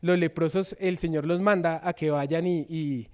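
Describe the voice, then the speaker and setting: A man's voice: a little high, steady tone, moderate pace, smooth. A man preaching a sermon in church, reading scripture and putting questions to the congregation. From Colombia. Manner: asks the congregation questions, reads scripture, shifts between loud and soft.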